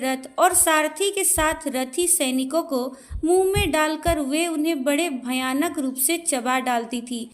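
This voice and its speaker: A woman reciting a devotional scripture in a slow, measured, solemn manner. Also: high voice.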